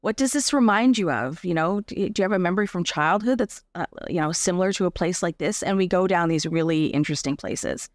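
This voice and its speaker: This Canadian woman talks briskly with hardly any pauses, in a fairly low pitch, while explaining her work as an artist and arts accessibility advocate in a chatty guest interview, often checking in with the listener. The studio-quality sound has no echo.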